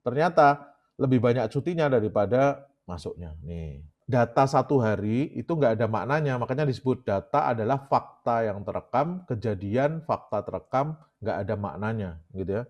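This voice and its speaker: A man's voice: mid-range voice, lively intonation, normal speed, darkish tone, highs cut off. A man with an Indonesian accent giving a casual lecture, chatty and talking straight to his audience. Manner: chatty, keeps addressing the audience as "Bapak Sekalian".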